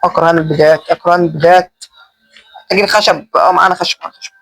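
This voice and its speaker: Racing along in a high-ish, fairly even voice with vocal fry and a bit of brightness, a young Egyptian-accented man plays Minecraft for his gaming channel. He's chatty and self-mocking, yelping in panic whenever he's attacked. The low-quality recording is dry, with soft music in the background.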